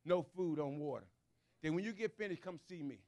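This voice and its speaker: A man preaching a sermon with call-and-response, shouting in bursts and speaking. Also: a little high, fairly quick. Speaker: pastor.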